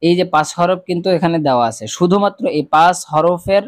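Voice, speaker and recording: A man teaching a Quran reading lesson, patiently explaining each rule and repeating every sound slowly so viewers can say it along with him. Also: sits high, no room sound. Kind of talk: step-by-step recitation lesson.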